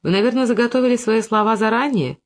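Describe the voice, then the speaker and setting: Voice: medium pitch, fast talker, voice pushed up, close to an everyday voice. A reader voicing a playful young woman who teases and coaxes in an audiobook. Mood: teasing. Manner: teasing, coaxing. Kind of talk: audiobook character voice.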